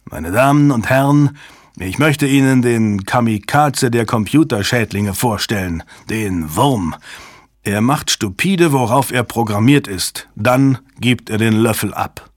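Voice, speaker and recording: A man voicing a brash, loud male computer security chief who talks in a sarcastic, booming, scornful way. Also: a little slow, no echo, studio quality, natural voice.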